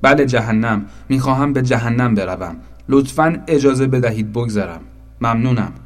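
A man voicing Little Zoraq, a small, stubborn soul who pleads loudly and insistently. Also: medium pitch, pitched above the performer's own voice, lightly acted.

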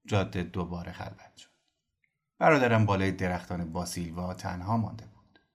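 A man narrating a novel as an audiobook in an expressive storytelling manner. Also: deep voice, slightly rough. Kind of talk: scripted narration.

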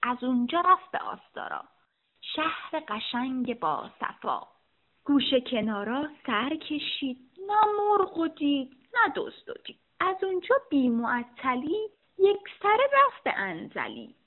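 A woman's voice: sits high, big pitch swings. A woman reading a rhymed children's story aloud in a rhythmic, sing-song way. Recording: tinny phone-like sound.

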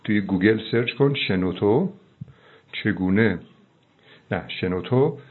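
Fervent low-voiced man on phone line. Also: expressive. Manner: fervent, preachy, slows down for emphasis. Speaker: doctor giving advice on a phone call. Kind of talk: phone consultation, earnest advice.

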